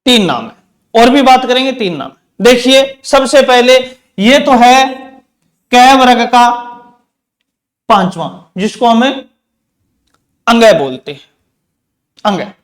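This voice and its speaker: High-voiced man teaching a grammar lesson. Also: big pitch swings. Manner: repeats key terms and asks questions back to the class; says terms slowly, one by one. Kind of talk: exam-prep grammar lesson.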